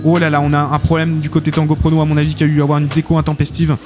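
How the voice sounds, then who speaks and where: A man casting a live esports tournament as host, excitable and chatty, full of filler interjections. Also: fairly high pitch, very fast. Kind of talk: live game commentary. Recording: game music behind the voice. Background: game music.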